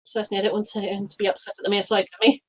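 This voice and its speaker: A woman playing a tabletop game, speaking gently and thinking out loud as she acts out her character. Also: medium pitch, little pitch movement, racing, rough recording. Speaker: player. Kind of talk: tabletop role-play.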